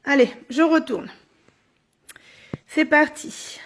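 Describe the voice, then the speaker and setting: High-voiced chatty woman crafting live. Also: slow. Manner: chatty, thinks aloud while working. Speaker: card-making demonstrator. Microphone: phone or camera on a stand.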